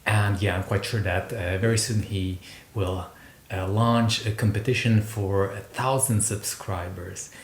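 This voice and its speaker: Speaking with fairly even intonation at a measured pace, a Slovak-accented man hosts a video about his records. He rambles hesitantly and repeats words, and the audio carries an echoey room and a low rumble.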